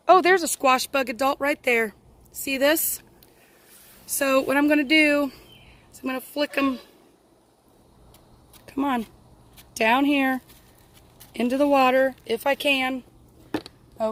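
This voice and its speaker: Outdoors in her garden, a gardening vlogger gives a folksy, chatty how-to talk in an informal style. She has a high, fairly bright voice and is dealing with a cold and sore throat.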